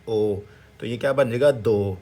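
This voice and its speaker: A man teaching a language lesson. He breaks words into syllables slowly and keeps asking viewers what each one becomes. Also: mid-range voice, darkish tone. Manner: slow, repetitive syllable-by-syllable drilling with questions to viewers. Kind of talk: Korean vocabulary lesson in Urdu.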